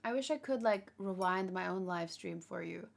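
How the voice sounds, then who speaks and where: Fairly low and gravelly, her voice keeps a moderate pace. Hours into her livestream and tired, the host chats casually with live viewers, thinking out loud in a rambling stream of fan theories.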